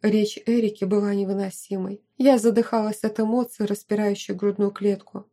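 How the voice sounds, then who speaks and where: A woman's voice: medium pitch, little pitch movement, normal speed, dark tone. A woman narrating a novel in the first person as an audiobook reader.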